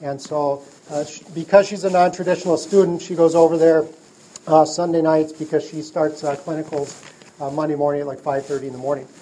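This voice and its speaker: A middle-aged man giving a speech to a trade group, telling stories in a halting way with many fillers and restarts. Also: a little high, fairly even intonation, dark tone, a little hiss or hum, rough recording. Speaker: speaker addressing a trade group. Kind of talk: public speech with storytelling.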